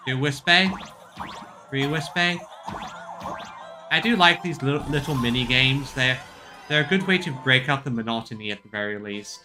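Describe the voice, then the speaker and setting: A man's voice: mid-range voice, normal speed, long pauses, music in the background. A man giving casual playthrough commentary as a gaming streamer, with wry, off-the-cuff asides.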